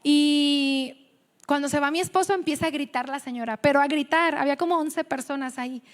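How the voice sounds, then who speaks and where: A woman's voice: high voice, a little fast. A woman with a Mexican accent preaching a sermon to a women's meeting, speaking conversationally and telling stories, often correcting herself mid-phrase. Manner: conversational, storytelling, self-correcting. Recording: long hall reverb.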